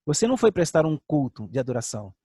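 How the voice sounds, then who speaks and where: An earnest older man preaching, his voice sitting high for a man. He sinks to quiet lows, then lifts into emphatic peaks. The sound is close and dry, with no room around it. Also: very animated, fast talker, slightly rough, no room sound. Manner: earnest, drops to soft lows and rises to emphatic highs. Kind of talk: sermon with personal testimony.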